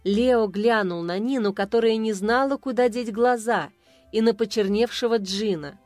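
Woman reading an audiobook, highish voice, even storytelling, quiet music behind. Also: moderate pace, no room sound. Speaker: narrator. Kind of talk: audiobook novel narration.

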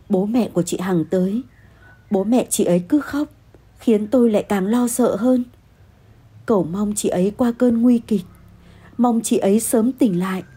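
Woman telling a first person audio story, mellow husky voice, steady. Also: medium pitch. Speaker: narrator.

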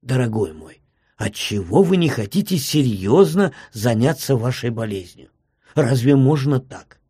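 A man playing a soft, pleading old postmaster. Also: mid-range voice, very animated, measured pace, breathy edge, no room sound, studio quality. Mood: tender pleading. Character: tender, tearful older male postmaster.

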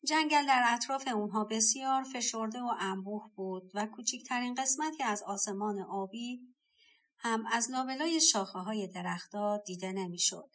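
A woman's voice: on the high side, a bit bright. Woman narrating a folk tale. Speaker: audiobook narrator. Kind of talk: storybook narration.

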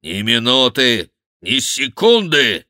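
A man's voice: sits low, expressive, takes it slowly, sharp tone, dry recording, clean studio sound, heavily acted. A man voicing a fat, brazen monk who bellows and mocks, preaching with scorn in an audiobook reading. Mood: menacing.

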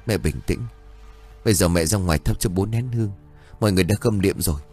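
Adult son, calm, steady and reassuring, low husky voice, voiced by the male narrator. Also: quick pace, soft background music. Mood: soothing. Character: calm adult son soothing his mother.

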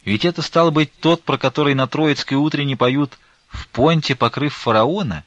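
A man voicing a pious, quick-tempered old woman who asks in a sing-song way and scolds sharply, in an audiobook. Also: a little high, a bit bright, no room sound, muffled recording, voice pushed up. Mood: curious.

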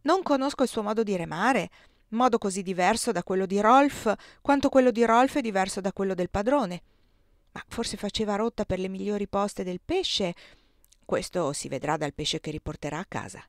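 A woman reading the part of an eager young male servant who tells his news excitedly and insistently, in a dry close recording. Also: medium pitch, moderate pace, no room sound, lightly acted.

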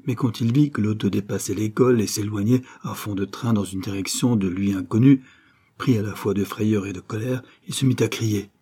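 A man reading a serial novel aloud as an audiobook, in a measured, expressive storytelling manner. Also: on the low side, slightly rough. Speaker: audiobook reader.

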